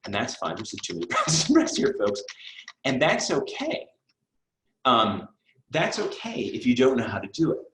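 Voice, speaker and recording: A man's voice: medium pitch, huge pitch swings, moderate pace, a bit bright. A middle-aged man teaching a live online test prep class in a conversational way, with fillers and asides. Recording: roomy echo.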